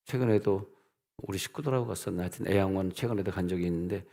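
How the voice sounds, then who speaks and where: Low-voiced pastor preaching with lively stories. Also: male voice. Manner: storytelling with playful dialect impressions and sudden loud outbursts. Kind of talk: sermon.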